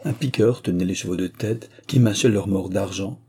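A man reading a novel aloud in scripted narration, measured and even. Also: deep voice, breathy edge. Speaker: audiobook reader.

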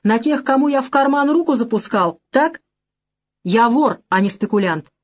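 A woman reading an audiobook voices a young male ex-thief who speaks bluntly, hard and deliberate. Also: on the high side, animated, pitched above the performer's own voice. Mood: hard defiant. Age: young adult.

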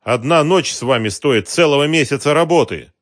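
A man's voice: a little high, lively intonation, moderate pace, no room sound, clean studio sound, pitched above the performer's own voice, natural voice. A man reading an audiobook voices an exhausted male computer operator who whines and snipes sarcastically. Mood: weary sarcastic. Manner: whining, sarcastic. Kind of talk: audiobook character voice.

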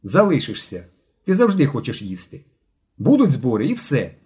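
An earnest schoolboy lays down the rules firmly in a storybook reading, as a man acts him out. His voice is mellow, lively and somewhat raised. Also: medium pitch, moderate pace. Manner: firm, decisive. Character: earnest schoolboy leader Mishko, firm.

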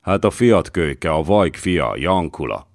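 A man's voice: deep voice, animated, dry recording, clean studio sound. A man reading as a sly scheming old voivode. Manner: sly, insinuating.

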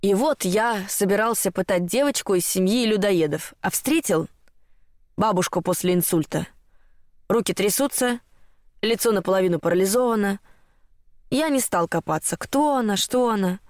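A woman voicing a young male scholar who speaks in a halting, hesitant way. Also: mid-range voice, lively intonation, a little mellow, no echo, studio quality, close to an everyday voice.

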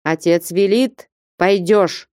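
A stern old merchant father with a hot temper bellows his commands. A woman voices him in a storybook reading, her tone warm and mellow, close and dry. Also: medium pitch, slow pace, clear, resonant tone, no room sound, lightly acted. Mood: furious. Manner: commanding, blustering, shouting in anger.

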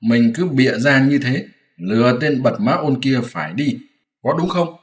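A man voicing a sharp, mocking monkey-king disciple who teases and scolds, in a storybook reading. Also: mid-range voice, lively intonation, moderate pace, close to an everyday voice. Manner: scolding, teasing, commanding. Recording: roomy echoey room.

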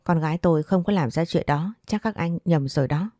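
A woman's voice: deep voice, brisk, warm tone, dry recording, studio quality, natural voice. A woman reading the lines of a weary, remorseful older mother in an audio story, with a sorrowful manner. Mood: pleading. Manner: pleading, sorrowful.

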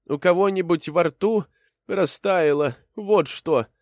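A man putting on a small trickster rabbit, high squeaky voice, chirpy and sly, storybook reading, dry close sound. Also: slow, no room sound. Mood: feigned sorrow.

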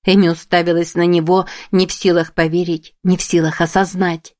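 A woman narrating a fantasy audiobook in a steady, even storytelling voice. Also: fairly low pitch, fairly quick, no room sound, clean studio sound. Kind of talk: scripted narration.

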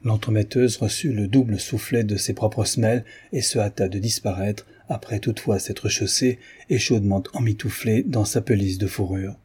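A man reading a novel aloud as an audiobook narrator, in measured, even storytelling. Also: fairly low pitch, breathy edge. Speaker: audiobook reader.

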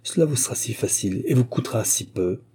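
A man's voice: medium pitch, expressive, quick pace, dark tone, husky. A man reading the part of a smug, married middle-aged notary who presses his suit with cajoling questions. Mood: wheedling.

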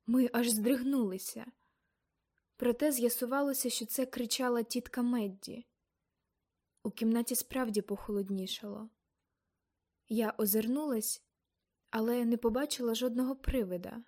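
A woman narrating an audiobook novel in a measured, expressive reading. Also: on the high side. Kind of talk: scripted narration.

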